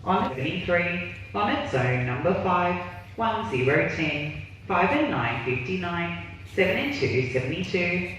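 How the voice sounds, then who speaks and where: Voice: mid-range voice, big pitch swings, a little slow, fairly bright tone. A bingo caller announcing numbers digit by digit in short, formal set phrases. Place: large indoor bingo hall, heard over speakers. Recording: echoey hall PA from far off, noisy.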